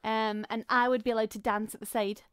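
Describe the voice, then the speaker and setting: A woman in her thirties, co-hosting a podcast and telling stories in a giggly, animated way. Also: on the high side, a little fast, clean tone, no echo, studio quality. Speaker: podcast co-host. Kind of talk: casual chat.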